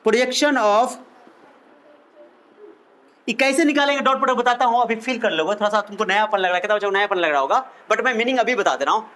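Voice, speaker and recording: High pitched teacher guy lecturing a class, jokey, keeps asking the kids stuff back. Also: bright, forceful tone. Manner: playful, teasing, repeats questions to students. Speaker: physics teacher.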